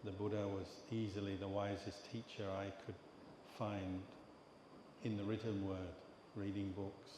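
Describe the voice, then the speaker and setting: An older English man, a Buddhist monk, giving a dharma talk in a calm, measured storytelling way. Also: fairly low pitch. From England. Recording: echoey hall with long reverb and background noise.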